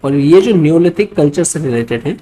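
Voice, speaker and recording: A woman with an Indian accent lectures as an exam-prep history teacher, walking through quiz questions step by step with frequent short tags to check in. Low-pitched and mellow, her voice moves at normal speed with lively intonation.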